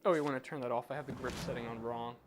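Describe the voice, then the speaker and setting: A man's voice: mid-range voice, fairly even intonation, rapid-fire, noisy background. A man giving casual live game commentary as a streamer, chatty, informal and self-deprecating.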